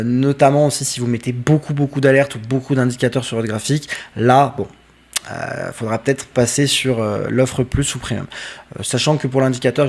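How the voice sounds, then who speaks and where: A man talks viewers through trading software in a relaxed screen-share tutorial. He speaks at a middle pitch and keeps it casual and direct, with plenty of fillers as he goes. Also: vocal fry. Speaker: trading educator.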